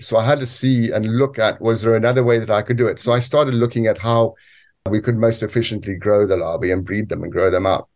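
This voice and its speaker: A man who grew up on a farm in Zambia and lives in the UK, answering interview questions in a measured way with frequent restarts. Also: fairly low pitch, darkish tone. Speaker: guest, cofounder.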